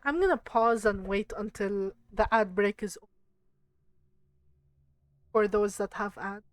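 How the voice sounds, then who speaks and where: A woman livestreaming, reading a game's story aloud in a hushed voice with chatty asides to her viewers at a desk microphone. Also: medium pitch, a little slow, no room sound.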